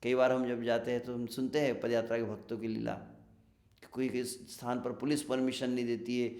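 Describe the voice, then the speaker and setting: A male preacher delivers a devotional sermon in an ordinary, mid-pitched voice. He tells stories animatedly, raising his voice to act out characters, and now and then breaks into chanted verses. The sound is roomy and echoey. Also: fairly quick. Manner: animated storytelling, acts out warning villagers in raised voice. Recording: echoey room.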